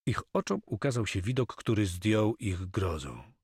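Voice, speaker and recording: Man, audiobook narrator, husky, lowish voice, dry close sound. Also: sing-song, a little slow, a little mellow, no room sound. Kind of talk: scripted narration.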